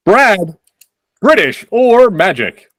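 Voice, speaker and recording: Deadpan comedy game show host, man. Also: high-pitched, slow pace, no room sound, clean studio sound.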